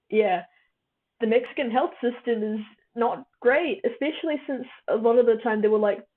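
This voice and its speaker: A young New Zealand woman hosts a livestream, sounding tired in a voice that sits high as she summarizes an article she's read. She's chatty, laughs often, uses many fillers and answers the live chat as she goes. The stream audio is thin and phone-like.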